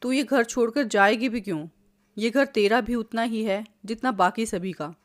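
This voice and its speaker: A woman's voice: fairly high pitch, moderate pace, natural voice. A woman voicing a stern, protective older mother-in-law who lectures and scolds. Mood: firm.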